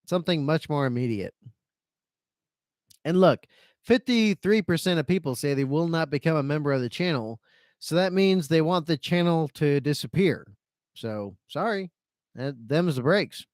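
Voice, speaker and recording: Man, fairly high voice, close dry sound, rambling streamer chat, repetitive, resigned complaining, some swearing. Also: lively intonation, measured pace, long pauses, no echo. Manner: rambling and repetitive, circling back over phrases; self-pitying, resigned complaining. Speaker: live stream host. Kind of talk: casual live-stream chat, reading out viewer comments.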